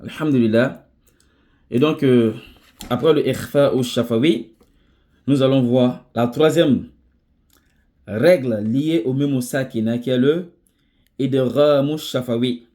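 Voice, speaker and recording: A man's voice: medium pitch, mellow. French-speaking man teaching Quran recitation. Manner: checks in with a repeated "ça va?"; repeats and restates each point slowly. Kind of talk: tajwid lesson.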